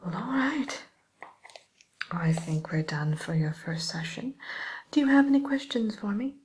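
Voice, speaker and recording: A woman voicing a sly, sweetly courteous wicked witch tutor in a hushed, musing ASMR roleplay. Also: medium pitch, animated, close to an everyday voice. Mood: coaching, snarky. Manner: hushed, unhurried, hesitant musing, faux-genteel.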